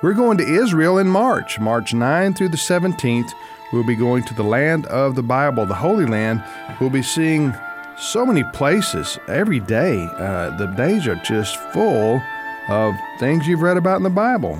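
A man's voice: mid-range voice, sing-song, moderate pace, over music. A man reading a radio ad in an upbeat, folksy way. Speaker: ministry president in a radio ad. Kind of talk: radio ad read.

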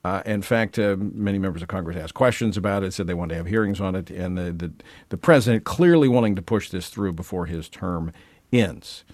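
A man from Louisiana hosting a talk radio show, chatting with many fillers and swinging between loud and soft delivery. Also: sits low, fairly quick, dry recording.

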